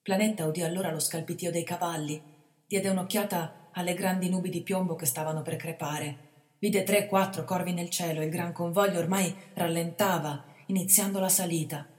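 Expressive woman reading a story. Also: lowish voice. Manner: measured, expressive narration. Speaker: actress and storyteller. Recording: reverberant hall.

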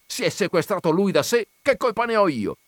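A man doing a furious shouting old landowner. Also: big pitch swings, fairly quick, dry recording. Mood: indignant. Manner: loud, indignant, high-pitched outbursts. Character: irascible rich old male landowner, shouting.

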